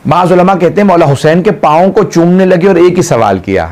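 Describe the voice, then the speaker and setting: A male cleric telling a martyrdom story in an emotional mourning sermon, his delivery climbing into drawn-out wailing cries and closing in chanted prayer. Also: high voice, lively intonation, a little mellow.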